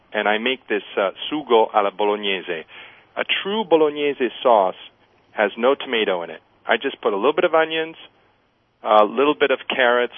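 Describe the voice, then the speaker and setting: A man's voice: mid-range voice, no room sound. A man with a standard American accent giving casual, anecdotal answers as an interview guest, explaining things step by step. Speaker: guest winemaker. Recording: thin phone-like radio line.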